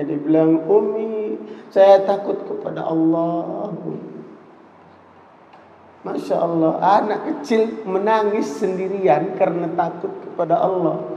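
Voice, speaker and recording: A man's voice: a little high, dark tone, muffled recording. Echoey preacher man telling stories. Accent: Indonesian. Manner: storytelling, acts out quoted dialogue. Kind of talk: sermon. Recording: echoey hall reverb.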